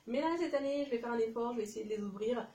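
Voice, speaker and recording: A woman's voice: fairly high pitch, racing, warm tone, distant mic. Chatty woman vlogger in an echoey room. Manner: hesitant, many fillers and restarts; chatty, addresses viewers directly. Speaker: YouTube haul vlogger. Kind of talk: casual haul vlog. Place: room at home, dim light.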